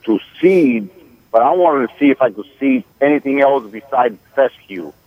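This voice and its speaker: A man calling into a radio gardening show over the phone, asking halting, hesitant questions. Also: mid-range voice, animated. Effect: heard over a phone line. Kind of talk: call-in question to a gardening host. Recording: tinny, dry phone line.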